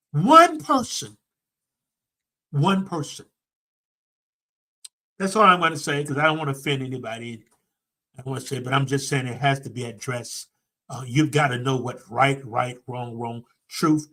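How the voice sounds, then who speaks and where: A man preaching to his audience, repeating phrases for emphasis and swinging between loud declarations and quiet asides. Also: fairly high pitch, breathy edge. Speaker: pastor and personal development teacher. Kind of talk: preaching-style talk to an audience.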